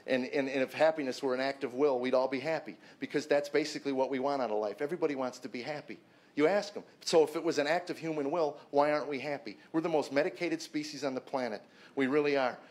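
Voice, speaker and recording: A man in his fifties giving a personal testimony to a men's gathering, emphatic and repeating words when stuck. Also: fast talker. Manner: emphatic storyteller, swings loud and high at peaks.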